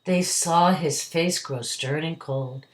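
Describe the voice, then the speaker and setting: A woman with a low voice reads a verse story aloud to children, taking it slowly and delivering it in a dramatic, emphatic way with acted character voices. She was recorded indoors at home, and the sound is roomy and echoey with a little hiss or hum.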